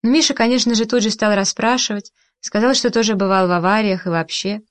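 A woman narrates a novel in an audiobook, keeping a calm, even storytelling manner. Her pitch sits in the middle range. The recording is dry and close, with no room sound. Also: fairly quick, no echo. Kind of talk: scripted narration.

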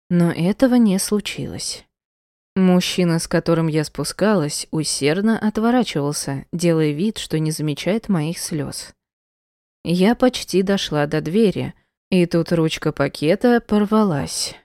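A woman narrating a first-person audiobook in a measured, emotional storytelling manner. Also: lowish voice, mellow, no echo, studio quality.

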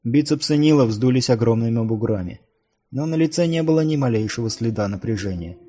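A man narrating a fantasy novel as an audiobook reader, in a measured storytelling manner. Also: mid-range voice, mellow.

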